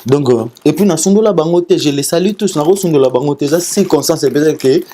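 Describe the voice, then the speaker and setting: There's slight background noise as a singer, interviewed as a guest, chats casually and sends greetings in a warm, fairly high voice. He frequently stumbles on repeated syllables and restarts.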